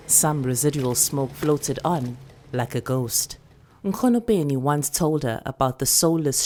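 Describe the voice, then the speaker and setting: A South African woman actor reads a short story aloud dramatically in a very low voice. Her delivery is slow, deliberate and expressive, and noticeable noise sits in the background.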